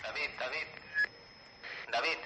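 A man in an ad calling his team over a walkie-talkie, hushed and urgent. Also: medium pitch, slow pace, noisy background. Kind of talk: scripted ad acting. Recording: distant radio voice with music behind.

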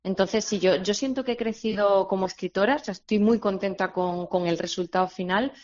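A woman's voice: medium pitch, a little mellow. Woman author guest, hesitant and restarting, slightly dull lo-fi line. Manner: halting, many restarts and fillers. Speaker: novelist guest. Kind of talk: radio interview answers.

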